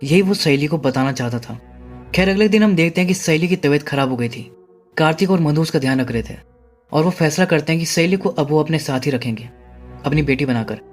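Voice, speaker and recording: Man, movie recap narrator, higher voice, steady storytelling, faint music underneath. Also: fairly quick. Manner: steady storytelling, paraphrasing dialogue. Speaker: movie explainer.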